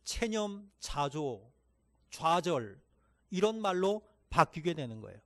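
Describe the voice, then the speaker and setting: In this sermon, the pastor's slightly high voice moves through big pitch swings. He reads passages with slow emphasis, has the congregation read along with him, and slips in soft remarks between readings.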